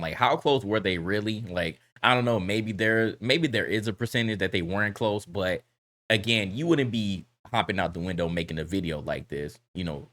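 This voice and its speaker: Heated, fast-talking male reaction host. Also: fairly low pitch. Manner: animated, heated, blunt with slang and swearing. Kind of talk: casual reaction commentary.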